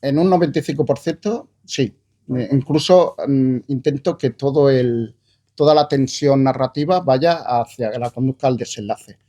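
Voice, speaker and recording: A man talks about his own writing at a book presentation. His voice is warm and mellow, and he thinks aloud with frequent fillers and restarts. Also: medium pitch, moderate pace. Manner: hesitant, thoughtful, many fillers and restarts. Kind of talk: conversational book presentation talk.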